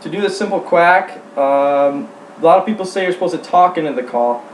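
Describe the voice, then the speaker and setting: A man giving an informal how-to demonstration as a hunting instructor, speaking in a halting, plain-spoken way. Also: on the high side. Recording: roomy, distant mic, faint hum.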